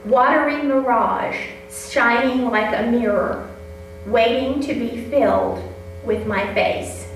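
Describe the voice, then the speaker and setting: Slow, echoey woman reciting poetry. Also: a little high. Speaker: poet reading at an open mic. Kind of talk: poetry recital, measured and deliberate. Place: indoor open mic venue. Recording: very echoey room, distant, noisy hum.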